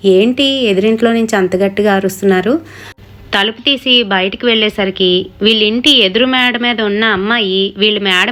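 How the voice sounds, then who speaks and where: A woman narrating a horror story in a steady, conversational telling. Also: fairly high pitch.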